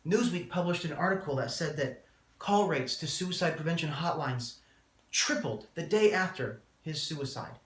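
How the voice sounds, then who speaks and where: A man delivering a prepared eulogy as a speech, solemn and measured, with deliberate pauses. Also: a little high, animated. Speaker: student speaker giving a eulogy. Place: indoor room, public speaking class. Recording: roomy, echoing room sound.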